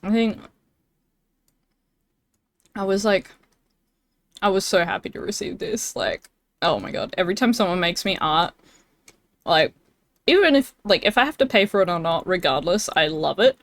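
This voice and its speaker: Young woman streamer, casual live chat, bubbly and giggly, mid-pitched. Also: big pitch swings, normal speed, long pauses. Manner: bubbly and giggly, many fillers.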